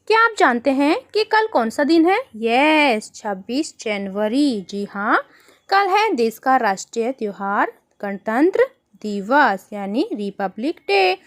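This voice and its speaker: High, lively teacher woman. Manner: warm, explanatory, addresses children as beta. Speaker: primary school teacher. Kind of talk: online worksheet lesson for children.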